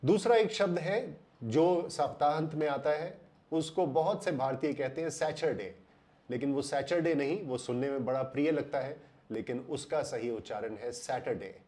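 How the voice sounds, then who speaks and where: Indian man calmly teaching pronunciation. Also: a little high, moderate pace. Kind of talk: explanatory lesson voice-over.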